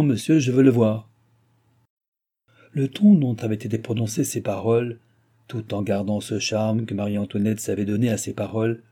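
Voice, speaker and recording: A man narrating a classic novel as an audiobook in even, measured storytelling. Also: lowish voice, breathy edge.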